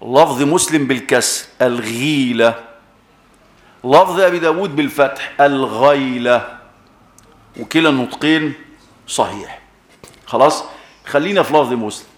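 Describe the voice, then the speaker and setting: A man's voice: on the high side, brisk, reverberant. An Egyptian man preaching a sermon with an Egyptian accent, emphatic, repeating key words and quizzing his listeners.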